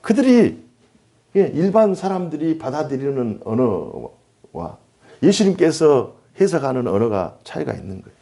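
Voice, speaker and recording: A man's voice: medium pitch, big pitch swings, normal speed, gravelly, dark tone, husky. A man preaching a sermon as pastor in a church, driving his points home with repeated, building phrases. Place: church sanctuary.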